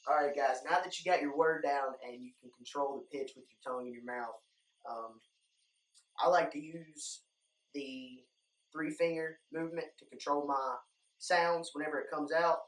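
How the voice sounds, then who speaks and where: Speaking at a moderate pace, this young man has a fairly high, fairly bright voice as he teaches duck calling to video viewers. He's casual and plain-spoken, addressing them as guys. The recording comes from a distant mic in an echoey indoor room lined with duck decoys.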